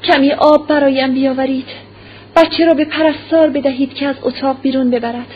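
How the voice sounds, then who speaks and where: A woman's voice: high-pitched, steady tone, lightly acted. A woman reading aloud and voicing a dying young noblewoman who pleads urgently and breathlessly, on a muffled lo-fi recording with faint hiss. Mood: feverish. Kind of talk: audiobook character reading.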